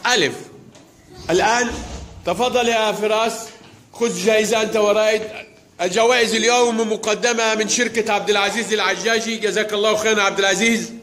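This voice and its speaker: Brisk, bright-voiced male teacher. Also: high-pitched, fairly even intonation, a little hiss or hum. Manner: brisk, quizzing pupils by name and drawing out words when reading. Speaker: primary school teacher. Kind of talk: classroom lesson. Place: school classroom.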